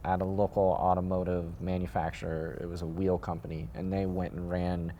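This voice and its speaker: A man from the American Midwest with a fairly low voice tells his story in a relaxed interview. He rambles and gets animated, circling back with fillers and restarts as he talks. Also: fairly quick, highs cut off, slight background noise. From Midwest United States. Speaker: guest, sneaker designer.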